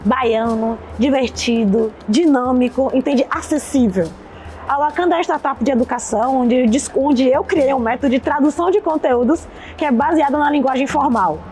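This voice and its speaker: A young adult woman from Salvador with a Bahian accent, a startup founder talking in a lively, slangy way. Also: high-pitched, normal speed, a little hiss or hum. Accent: Bahian Brazilian Portuguese. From Salvador, Bahia, Brazil.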